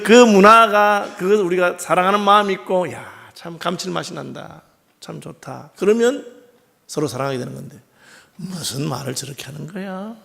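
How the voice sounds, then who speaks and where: A man's voice: sits high, creaky, fairly bright tone. A middle-aged male pastor with a Gyeongsang accent, preaching a sermon in a conversational way and often putting rhetorical questions to the congregation. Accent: Gyeongsang Korean. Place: church sanctuary.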